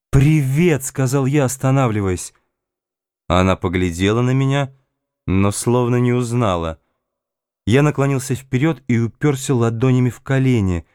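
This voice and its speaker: A man reading a novel aloud in the first person, in a measured, calm literary narration. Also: mid-range voice, smooth, dry recording, clean studio sound. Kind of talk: audiobook narration.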